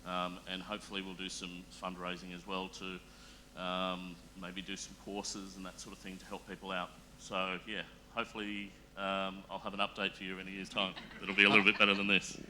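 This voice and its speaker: A man speaking on a panel in a casual, earnest way, halting often with fillers and restarts. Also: low-pitched, completely flat delivery, sharp tone, slight background noise. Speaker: panel guest.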